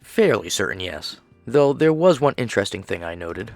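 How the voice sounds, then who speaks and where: A composed female animatronic dancer speaks with calm, measured politeness, as a man reads her lines. The voice is low and a bit gravelly, in a game playthrough. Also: dry recording, faint music behind. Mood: polite, measured.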